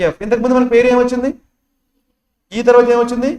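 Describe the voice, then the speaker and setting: A man's voice: extremely high pitch, flat delivery, rapid-fire, a little mellow. A man with a Telugu accent teaching English for an exam, quizzing his class with constant questions and repeating key words. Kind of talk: classroom lecture explaining test questions. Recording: echoey classroom sound.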